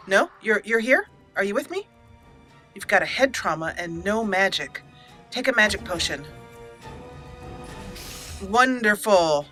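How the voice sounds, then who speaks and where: A woman who hosts a gaming channel gives expressive roleplay commentary and storytelling, talking directly to the game characters. Her pitch is medium and her pace unhurried, with frequent pauses over soft background music.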